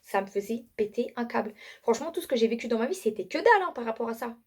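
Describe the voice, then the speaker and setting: Animated young woman telling a story. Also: a little high, fast, breathy edge. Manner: animated, slangy storytelling with many fillers and restarts. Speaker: vlogger giving a faith testimony. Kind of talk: casual spoken testimony to camera.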